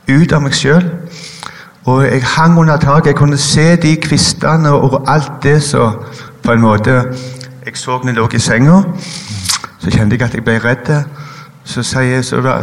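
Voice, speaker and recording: A man telling a personal faith testimony in a halting, hesitant way, pausing often with fillers. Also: medium pitch, in a large hall. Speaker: guest giving a personal testimony. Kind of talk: emotional spoken testimony.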